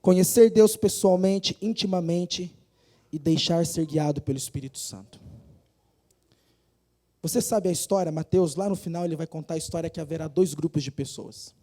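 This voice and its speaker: Brazilian male preacher, higher voice, mellow tone, earnest, rising to forceful stress, soft guitar behind. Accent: Brazilian Portuguese. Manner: earnest, builds to forceful emphasis, acts out quoted voices. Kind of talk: sermon. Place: church hall.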